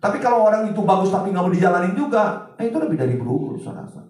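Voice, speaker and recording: Pastor preaching in an echoey hall. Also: male voice, high voice, big pitch swings, very fast, far from the mic. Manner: chatty, swings from loud to hushed asides. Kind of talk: sermon. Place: large church hall.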